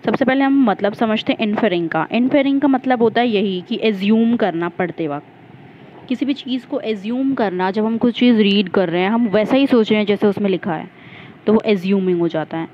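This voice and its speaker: A woman's voice: mid-range voice, fairly quick, highs cut off, slight background noise. Woman teacher explaining exam answers step by step. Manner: explains step by step, mixing Hindi and English terms, corrects own slips. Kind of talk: exam-prep lesson.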